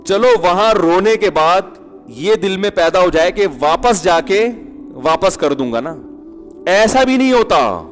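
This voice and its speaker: A man preaches in a joking, conversational way, with a slightly high voice and chuckling asides. His sermon rings through a reverberant hall. Faint music sits underneath. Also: lively intonation. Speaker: Islamic preacher.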